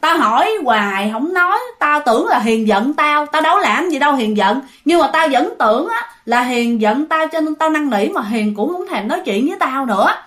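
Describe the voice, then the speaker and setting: A woman's voice: high-pitched, lively intonation, moderate pace, few pauses, fairly bright tone. A woman voicing a young man who protests that he did nothing wrong. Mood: defensive. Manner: pleading, protesting. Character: young man, defensive, bewildered friend.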